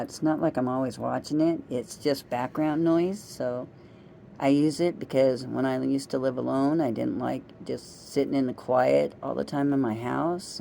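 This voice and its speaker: A woman's voice: extremely low pitch, gravelly, warm tone, a little hiss or hum. A middle-aged woman hosting a rambling solo monologue, chatty and playful, joking at her own expense and talking straight to her listeners. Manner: chatty, playful, self-mocking, talks to the listeners directly. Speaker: podcast host.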